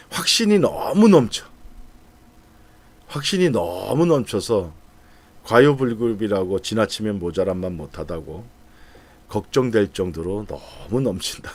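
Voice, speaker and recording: A middle-aged stock commentator with a lowish, darkish voice talks casually through charts for his viewers, thinking aloud with fillers.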